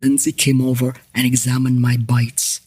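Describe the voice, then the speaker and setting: A man's voice: medium pitch, completely flat delivery, normal speed, darkish tone, husky, dry recording, close to an everyday voice. Man narrating as a wry investigator. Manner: wry, dry asides. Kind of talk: scripted audio drama narration.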